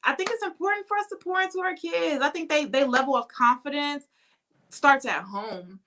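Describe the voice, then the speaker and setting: Bright-voiced chatty woman. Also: high voice, normal speed, slight background noise. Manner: lively, storytelling, laughs often. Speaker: podcast co-host. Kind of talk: casual chat.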